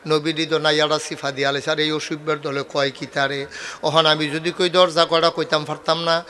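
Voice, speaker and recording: A man preaching a waz sermon, telling stories in dialect with acted dialogue and rising into loud cries. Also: on the high side, little pitch movement, brisk, a little hiss or hum.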